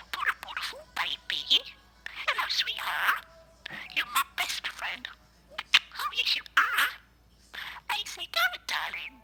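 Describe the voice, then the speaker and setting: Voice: high voice, creaky, sharp tone. A talking pet budgie, a small male parakeet, mimicking affectionate phrases in scratchy, buzzy, chirping parakeet chatter. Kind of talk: mimicked speech, sweet talk.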